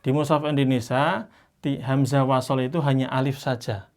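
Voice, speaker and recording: A man teaching Quran reading in a class, patiently explaining and slowly modelling each Arabic word. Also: mid-range voice, fairly even intonation. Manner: patient, slows down to model Arabic words drawn out; explains by pointing at written examples.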